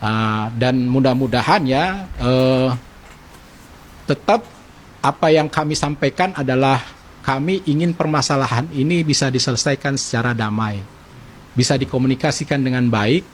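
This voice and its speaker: A man speaking as a legal counsel, giving a measured, formal and conciliatory statement. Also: medium pitch, a little hiss or hum. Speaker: lawyer. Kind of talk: press statement.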